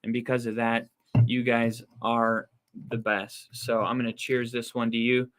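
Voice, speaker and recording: A young man hosting a casual live football watch-along podcast, chatty and excitable, saying he is losing his voice. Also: mid-range voice, unhurried. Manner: chatty, excitable, rising to loud disbelief at plays. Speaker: podcast host doing live game watch-along commentary. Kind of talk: casual play-by-play chat.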